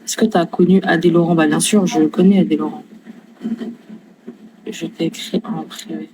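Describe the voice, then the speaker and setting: A woman's voice: fairly low pitch, steady tone, normal speed, background noise. A woman casually chatting on her live stream, talking in loose slang, swearing freely, answering her chat and fumbling for English words.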